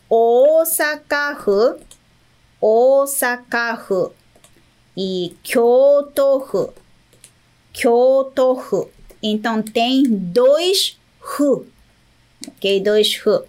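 A woman with a Japanese accent teaches vocabulary at an unhurried, deliberate pace. Her voice sits a little high, and she repeats each word and checks in with the listener after every point. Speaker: language teacher. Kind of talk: slow, patient Japanese lesson.

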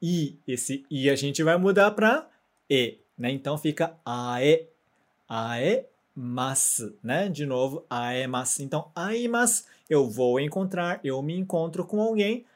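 A man teaching a grammar lesson, patient and methodical, saying example words slowly for repetition and ending sentences with quick check-in tags. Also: fairly high pitch, animated. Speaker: Japanese language teacher.

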